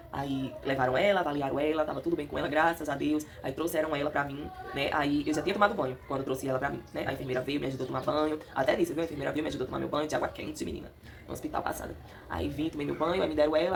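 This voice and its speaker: Mom chatting fast to viewers, low gravelly voice, noisy home mic. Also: female voice. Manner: emotional, laughing storyteller, calls viewers "minha gente". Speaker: vlogger. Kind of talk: casual chat to viewers.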